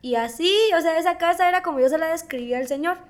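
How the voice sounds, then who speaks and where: A young woman giving a casual church testimony in an interview, telling her story in a lively way and acting out remembered dialogue. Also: extremely high pitch, quick pace.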